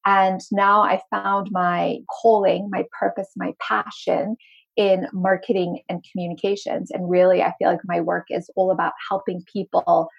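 A Zimbabwean woman whose mostly American accent carries light Zimbabwean and South African traces chats as a guest on a casual podcast, an enthusiastic and earnest marketing coach. Her lowish voice is level and slightly rough with vocal fry, at a normal speed, and the highs are cut off.

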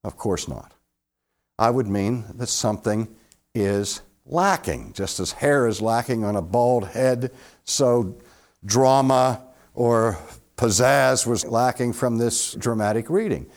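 Male theology lecturer, expressive, mid-range voice, questions the room, live audience. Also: slow. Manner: expressive, swings between loud emphasis and hushed low asides. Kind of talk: classroom lecture.

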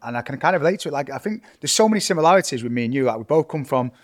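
A man's voice: mid-range voice, animated, very fast. A man hosting a podcast, speaking in a casual, encouraging and supportive conversational style. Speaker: podcast host. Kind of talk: casual interview chat.

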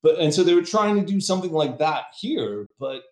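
A man's voice: on the high side, animated, a little fast. Man ranting in an echoey room. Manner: opinionated, ranting. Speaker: podcast co-host. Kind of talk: casual podcast chat. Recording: roomy echo.

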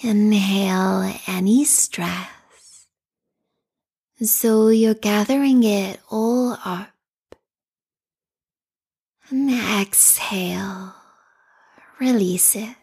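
In a calm, meditative tone, a woman guides listeners through meditation with a soft, whispery, breath-filled voice that's also gravelly and slightly rough. She talks extremely slowly and soothingly at a medium pitch.

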